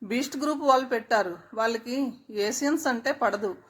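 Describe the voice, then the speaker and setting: A woman's voice: a little high, fairly bright tone, husky. A woman voicing a panicked, impatient male flight crewman who talks breathlessly and in a hurry. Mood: urgent. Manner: breathless, hurried.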